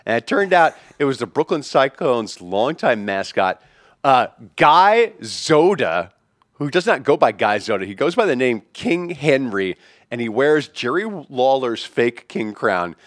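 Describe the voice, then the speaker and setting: A man co-hosting a podcast, telling a story loudly with lots of swearing and shouted bits; he says he is deaf. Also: mid-range voice, sing-song, unhurried, no echo, studio quality. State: hard of hearing. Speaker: podcast co-host. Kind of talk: casual chat.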